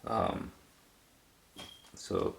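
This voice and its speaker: Drawing out his words, a male video host rambles casually through his cassette collection, a little hesitant and repeating words for emphasis. Slight background noise can be heard.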